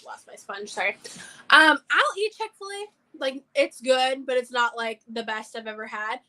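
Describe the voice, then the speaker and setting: Young woman, high bright voice, blunt opinions, casual stream chat. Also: lively intonation, moderate pace. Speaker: livestream co-host.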